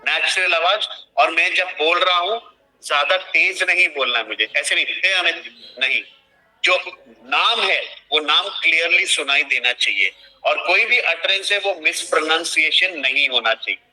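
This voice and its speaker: A man's voice: fairly high pitch, animated, moderate pace, bright, forceful tone, rough recording. A young man, talking an online team through a task on a video call and restating each instruction. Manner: explanatory, repeats and restates instructions. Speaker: online trainer. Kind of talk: live screen-share training session.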